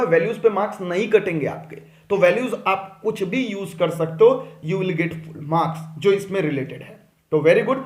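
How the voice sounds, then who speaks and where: A male commerce teacher running an online class, with a voice pitched high for a man. He reads out case questions and keeps pushing students to answer. The sound carries a roomy echo. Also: a little mellow.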